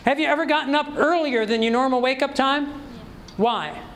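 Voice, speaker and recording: A man's voice: extremely high pitch, normal speed, fairly bright tone, rough recording. A man preaching a sermon, reading scripture aloud and pressing the congregation with rhetorical questions.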